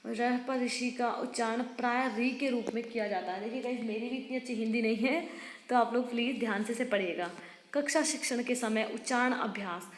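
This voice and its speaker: A fairly high-pitched woman reads teaching notes aloud like a tutor going through exam material. She stumbles and restarts now and then and turns to her students for quick informal asides. The room rings with long, echoing reverb. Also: fairly even intonation, a little hiss or hum. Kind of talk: reading out exam study notes.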